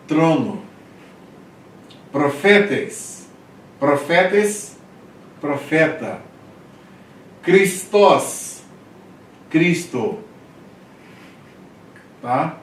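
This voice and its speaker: A man's voice: a little high, a little hiss or hum. A man teaching a Greek lesson, patiently reading words aloud and checking in with his students. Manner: slow, patient, drills single words and checks in with "tá?". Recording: echoey room, mic far off, faint ambience.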